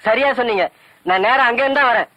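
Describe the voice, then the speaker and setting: An actor playing an eager village gossip who carries tales in film comedy dialogue. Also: male voice, very high voice, quick pace, sharp tone. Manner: eager, tattling.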